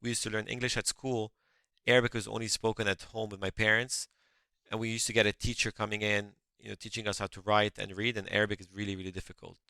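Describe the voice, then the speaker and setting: The guest, a middle-aged French-native founder speaking English as a later language, has a lowish, bright, forceful voice with little pitch movement and a fast pace. He answers the interview earnestly, often beginning his words again, in a smooth, dry recording.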